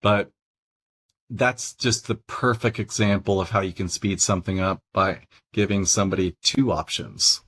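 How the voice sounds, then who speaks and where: A middle-aged man coaching front desk staff in a loose, chatty way, his voice sitting a little low. He drifts into offhand asides as he explains. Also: normal speed, breathy edge. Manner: conversational and relaxed, frequent "you know" asides. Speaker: phone trainer. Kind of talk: casual training talk.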